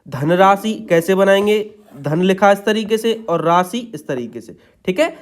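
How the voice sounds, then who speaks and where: Male shorthand tutor, high voice, patient, walks through each word step by step. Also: expressive, unhurried. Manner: patient, repeats "ठीक है" after each point. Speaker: shorthand teacher.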